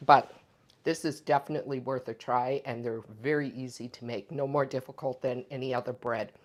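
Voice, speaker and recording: A woman hosting a home baking vlog, chatting in a relaxed way, thinking aloud and tasting the food as she talks. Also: a bass voice, brisk. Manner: tastes food while talking. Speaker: home baking channel host. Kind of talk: casual cooking vlog.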